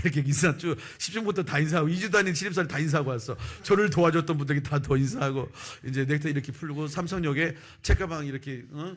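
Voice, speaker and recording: A middle-aged male pastor telling a personal story in a sermon, acting out the voices of the people in it. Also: on the high side. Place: church sanctuary.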